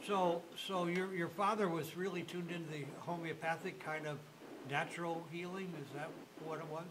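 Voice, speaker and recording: A male host of a talk show who speaks in a friendly, rambling and halting way while interviewing a guest. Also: a little high, fairly even intonation, noisy background.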